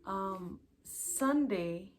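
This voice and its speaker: A young woman with a medium-pitched, expressive voice stretches out her words as she chats casually to her YouTube channel. She goes through events day by day from her notes, using lots of fillers. There's a slight hiss or hum in the audio.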